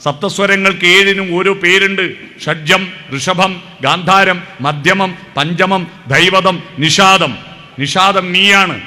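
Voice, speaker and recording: A man's voice: high-pitched, fairly even intonation, slow, bright, forceful tone. A man with a Kerala Malayalam accent giving a devotional talk, telling stories, asking rhetorical questions and breaking into sung verses. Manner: storytelling, sings snatches of hymns, rhetorical questions. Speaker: spiritual speaker.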